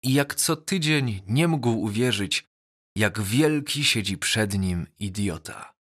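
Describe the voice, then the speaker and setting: A male audiobook narrator telling a novel in first person. He reads slowly and deliberately, his lowish voice carrying a bright, clear edge. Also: lively intonation. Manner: measured, deliberate reading.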